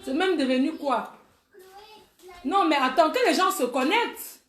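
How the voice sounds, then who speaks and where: A woman's voice: high voice, measured pace, a bit bright. A woman on a live stream talking emphatically and indignantly, repeating herself over and over. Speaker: livestreamer. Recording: echoey room.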